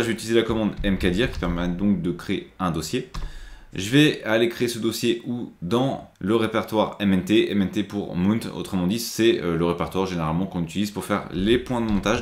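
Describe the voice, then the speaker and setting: A man's voice: on the low side, echoey room. A man presenting a screen-recorded IT tutorial, explaining step by step with frequent hesitations.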